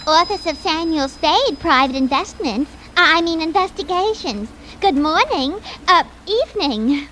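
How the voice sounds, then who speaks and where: An actress playing a flustered young relief secretary who puts on prim, grand airs in a 1940s radio detective play. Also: female voice, very high-pitched, expressive, measured pace. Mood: prim, officious. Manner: prim, affected, muddles words and malapropisms. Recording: old 1940s radio recording, faint noise.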